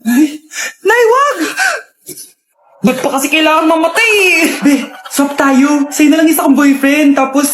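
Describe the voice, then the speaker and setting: Woman, very high voice, comedy skit performer who shouts and mock-cries; roomy echo. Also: steady tone, moderate pace, pauses often. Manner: switches between shouting and mock-crying characters. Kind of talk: comedy skits playing many roles.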